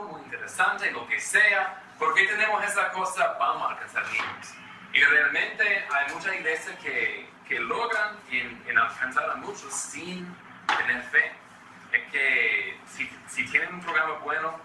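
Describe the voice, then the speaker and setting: An American man who trains children's ministry workers gives a training talk to church staff, speaking fast with frequent restarts and repeated words. His mid-range voice sounds pushed and bright. He's picked up from far off in an echoey hall, with slight background noise.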